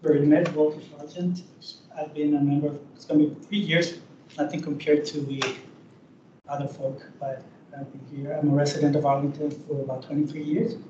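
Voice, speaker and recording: A man's voice: a little high, level tone, fairly quick. A commissioner from Costa Rica introducing himself at a public meeting, earnest in his advocacy. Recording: echoey room, distant mic, dull, noisy.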